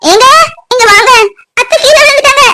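A woman's voice: high voice, rapid-fire, very noisy, natural voice. A woman voicing a young, dutiful daughter-in-law in a cartoon, wailing and pleading through tears. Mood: tearful. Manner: wailing, sobbing pleas. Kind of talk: cartoon voice acting.

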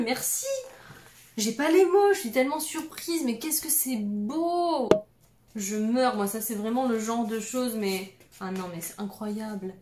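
A woman's voice: mid-range voice, reverberant. A woman in her thirties gushing through an unboxing vlog, full of oohs and exclamations. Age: 30s. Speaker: YouTuber.

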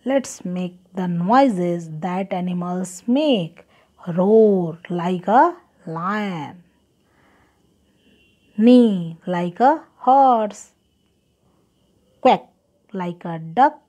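A young woman teaching children a slow lesson and spelling words out letter by letter. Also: lowish voice, expressive, dark tone.

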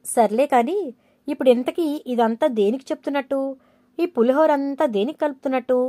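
A woman voicing a feisty, witty young wife who answers back with sharp retorts. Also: high-pitched, no room sound, voice pushed up, lightly acted. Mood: sassy. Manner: quick, sassy retorts.

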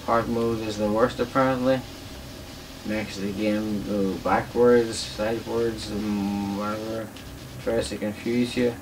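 A drunk young man rambles through casual game commentary in a low voice at a very slow pace. He swears freely, and he is picked up from a distance with clear noise behind him. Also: fairly even intonation. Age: young adult. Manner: heavy swearing. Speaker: gaming video host. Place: small indoor room at a desk.

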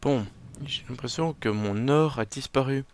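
A man's voice: mid-range voice, measured pace. A man giving casual, self-mocking commentary on his own game, muttering to himself as he plays. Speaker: let's play gamer.

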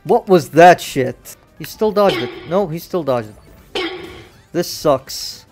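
A young man streaming a fighting game, cursing and yelling at his misses in casual commentary. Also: fairly high pitch, slow. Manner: excitable, swears a lot, yells at misses. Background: faint game music.

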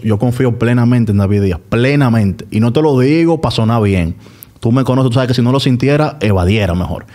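A man's voice: fairly low pitch, dark tone. Dominican guy, sports commentator on a podcast, casual and emphatic, keeps repeating words for punch.

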